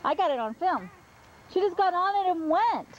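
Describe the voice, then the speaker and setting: A woman's voice: extremely high pitch, animated, moderate pace. Woman filming, old camcorder audio. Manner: cheerful, encouraging, laughs often. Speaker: home video camera operator. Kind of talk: home video chatter. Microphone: built-in camcorder mic. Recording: muffled old camcorder audio, faint hiss.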